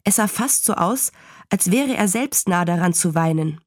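A woman reading a children's storybook aloud in a clear, even way. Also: fairly low pitch, normal speed, dry recording, studio quality. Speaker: audiobook reader. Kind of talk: storybook narration.

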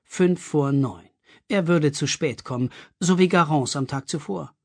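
An audiobook reader narrating a story expressively with a husky voice. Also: mid-range voice, a little slow, a little mellow. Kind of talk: scripted narration.

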